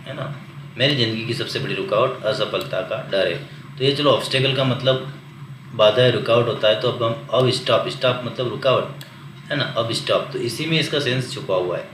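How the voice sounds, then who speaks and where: Male English teacher, lowish bright voice, repetitive drilling delivery, roomy echo. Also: a little hiss or hum. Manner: repeats memory tricks over and over, explanatory. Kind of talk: vocabulary lesson in Hindi.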